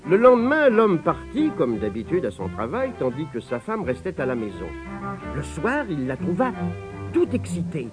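A man reading a fairy tale aloud in a slow, expressive storytelling manner. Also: a little high, music in the background.

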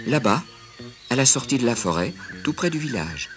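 A man's voice: mid-range voice, very animated, normal speed, pitched above the performer's own voice, lightly acted. A man voicing a sweet, innocent little girl in a storybook reading, in a raised, sing-song voice. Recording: music bed under voice.

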